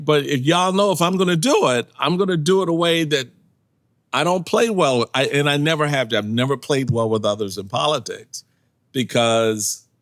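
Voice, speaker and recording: Older guy telling stories on a podcast, super animated, acts out the quotes, dry close sound. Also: on the high side, no echo. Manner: animated storyteller, acts out quotes, laughs often. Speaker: podcast guest, former party chairman. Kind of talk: casual storytelling interview.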